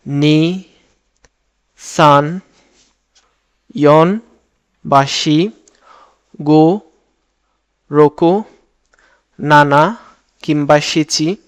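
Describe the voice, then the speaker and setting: Slow, patient Bangladeshi teacher. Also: male voice, on the high side, dry recording. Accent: Bangladeshi Bengali. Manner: slow, patient, repeats words for learners to say along. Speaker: language teacher. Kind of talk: spoken language lesson.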